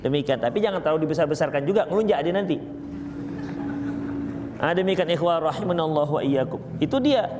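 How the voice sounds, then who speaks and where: A male preacher with a Medan accent giving a religious lecture, telling stories with lively voiced dialogue between Arabic recitations. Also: on the high side, fast, long pauses, big-room sound, noisy background. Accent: Medan Indonesian. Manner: animated storytelling with Arabic recitation.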